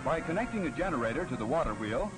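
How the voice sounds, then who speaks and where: A man narrating an old 1940s wartime newsreel in a measured, formal, polished manner, with music playing loudly behind him. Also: on the high side, big pitch swings, low-quality recording. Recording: narration over loud background music.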